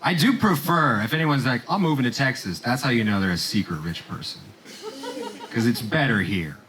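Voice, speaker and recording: A man from Romania performing a stand-up set on a theater stage, with deadpan jokes and quick voiced asides. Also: medium pitch, low-quality recording. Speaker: stand-up comedian. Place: comedy theater stage with live audience. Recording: live stage recording with crowd laughter.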